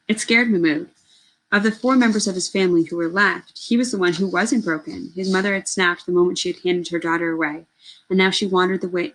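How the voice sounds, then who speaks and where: Woman reading a novel aloud, expressive. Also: lowish voice, poor audio. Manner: expressive, earnest, occasional self-corrections. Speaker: reader.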